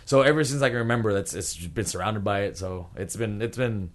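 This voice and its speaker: A Puerto Rican man in his thirties, a pro wrestler and trainer, is a guest in an interview, talking briskly in a lowish voice. He's relaxed and chatty and laughs often.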